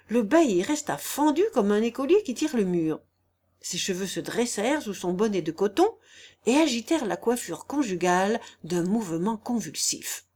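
A woman narrating a literary audiobook in a clear, measured storytelling voice. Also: mid-range voice, darkish tone. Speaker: audiobook reader.

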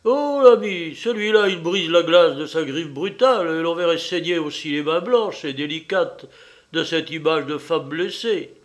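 A man putting on a shrill sneering little old man. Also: normal speed, close to an everyday voice. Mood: scornful. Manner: shrill, jeering, scornful outbursts. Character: small decrepit old man, sardonic and furious. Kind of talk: audiobook character voice.

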